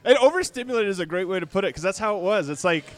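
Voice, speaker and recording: A man's voice: high voice, expressive, rapid-fire, no room sound. A man hosting a casual sports podcast, with an upbeat, announcer-like way of introducing things. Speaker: podcast host. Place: bar under construction.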